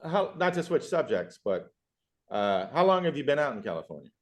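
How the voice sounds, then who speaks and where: Man, podcast host, mid-pitched voice, rambling enthusiastic questions, casual chat. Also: sing-song, brisk.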